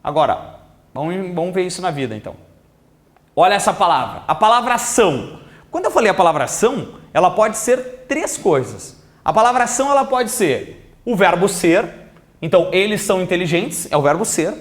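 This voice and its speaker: Male teacher, video lesson, lively and high, drawls key words. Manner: lively, stretches words slowly for emphasis.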